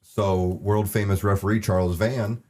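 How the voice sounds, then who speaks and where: A man's voice: lowish voice, steady tone, normal speed, dark tone. A man co-hosting a podcast, talking casually with dry joking asides. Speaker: podcast co-host. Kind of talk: casual chat.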